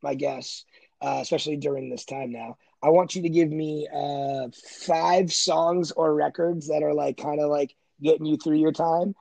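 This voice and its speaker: A man's voice: on the high side, fairly even intonation, moderate pace, creaky, a little mellow, no echo. A young man hosting a casual podcast chat, laid-back, saying dude and bro. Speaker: podcast host.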